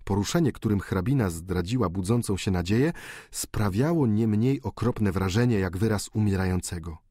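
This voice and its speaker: A man narrating a classic novel as an audiobook in a measured, expressive way. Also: lowish voice, husky, no echo, studio quality. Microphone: studio microphone.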